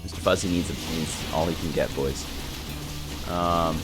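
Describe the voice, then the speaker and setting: Low-voiced, stuffy gamer guy chatting. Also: fairly even intonation, normal speed. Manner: laid-back, rambling, chatty with viewers as "boys". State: stuffy nose. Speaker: gaming YouTuber. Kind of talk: casual live gameplay commentary. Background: game music and sound effects.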